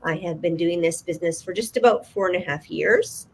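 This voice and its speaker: A woman in her sixties from Canada, calmly introducing herself on a live online chat over a video call. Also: on the low side, a little fast, slight background noise. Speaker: regular co-host, business owner.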